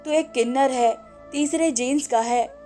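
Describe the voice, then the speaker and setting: A woman narrator voicing a gentle, sorrowful mother who speaks tenderly to her small child. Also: sits high, measured pace, soft background music.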